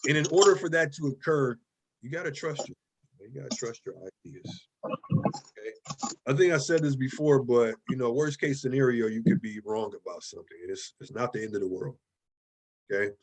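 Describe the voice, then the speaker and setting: A man's voice: mid-range voice, fairly quick. A male college writing instructor giving a casual online class lecture from his desk over a video call. He talks conversationally, often checking in with "okay?" and "right?", and repeats words while he finds his phrasing.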